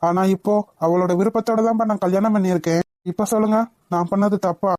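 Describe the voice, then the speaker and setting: A woman's voice: medium pitch, steady tone, fast talker, a little mellow, dry recording, close to an everyday voice. Young cartoon son standing his ground, earnest pleading, woman doing the voice. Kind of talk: cartoon voice acting.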